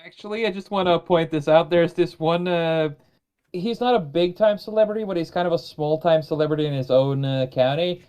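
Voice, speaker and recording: A man's voice: fairly high pitch, a little fast, darkish tone, clear, resonant tone. A man co-hosting a podcast over a remote call, teasing the others and making fun of himself. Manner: teasing, self-mocking. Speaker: podcast co-host. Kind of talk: casual chat.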